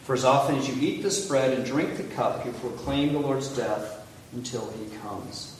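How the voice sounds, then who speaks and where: A male pastor leading a communion liturgy with measured, solemn prayer, heard with heavy cathedral-like echo in a large church. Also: mid-range voice. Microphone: far from the mic. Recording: echoey hall from far off, faint hiss.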